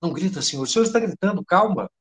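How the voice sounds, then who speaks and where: A man's voice: high voice, lively intonation, racing, fairly bright tone. A man with a Brazilian Portuguese accent reading the part of a flustered young government aide who stays anxiously polite to his superior. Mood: alarmed. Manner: anxious, overly polite and servile.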